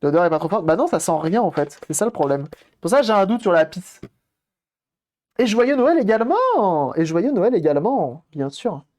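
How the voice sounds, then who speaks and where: A man's voice: a little high, expressive, a little fast, a little mellow. A man casually commenting on a live stream while repairing a game console, thinking aloud and greeting viewers as they arrive.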